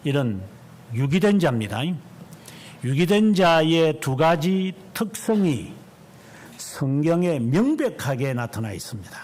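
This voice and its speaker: A man over fifty, a pastor delivering a sermon in church, emphatic and drawing out key words slowly. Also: fairly high pitch, sing-song, darkish tone.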